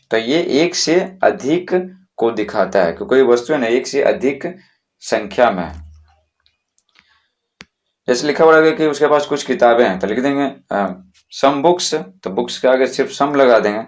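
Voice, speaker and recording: Man, patient schoolteacher explaining step by step, mid-range voice. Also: mid-range voice. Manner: slow, repetitive classroom explaining with frequent checks. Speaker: teacher.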